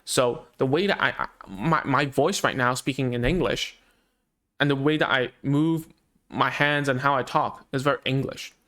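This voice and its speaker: A speech therapist whose first language is Cantonese chats with parents about how children develop language, using lots of fillers and restarts. His mid-range voice is a bit bright and moves at a moderate pace.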